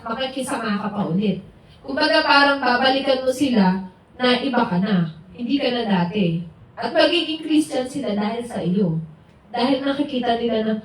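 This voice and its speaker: A woman giving an informal, conversational sermon at a house church, mixing in English words and acting out what friends say. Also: sits high. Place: house church gathering room. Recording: very echoey room, distant mic, faint hiss.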